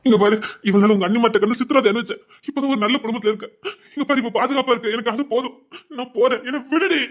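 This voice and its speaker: A woman's voice: a little high, quick pace, lightly acted. A woman voicing an anguished man about to go to jail, pleading tearfully with his lover to leave him. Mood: resigned. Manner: pleading, tearful, urging her away. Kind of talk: Tamil web drama voice acting.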